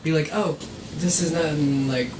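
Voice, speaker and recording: Songwriter, mid pitch, chatty with fillers, distant and hissy recording. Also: moderate pace. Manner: laughs while talking, fillers like "like". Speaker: songwriter in a band. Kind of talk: casual interview chat. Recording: off-mic voice with clear background hiss.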